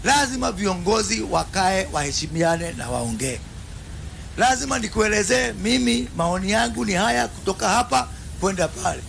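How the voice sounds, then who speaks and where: A man's voice: sits high, expressive, normal speed, creaky, a bit bright, a little hiss or hum. A man making an unscripted public statement.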